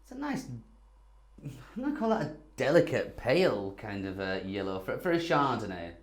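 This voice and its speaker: A man's voice: medium pitch, very animated, normal speed. A man co-hosting a casual wine tasting, agreeable and lightly teasing. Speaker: wine reviewer co-host.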